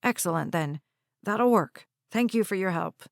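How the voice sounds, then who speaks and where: A woman voicing a scheming, greedy man who speaks in a smooth, insistent way. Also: mid-range voice, lively intonation, unhurried, no room sound, studio quality.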